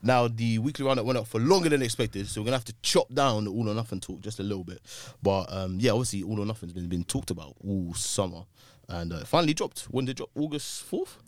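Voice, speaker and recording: A man's voice: fairly low pitch, quick pace, no echo, studio quality. A man with a London roadman accent hosting a casual football podcast, talking in slang. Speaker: podcast host.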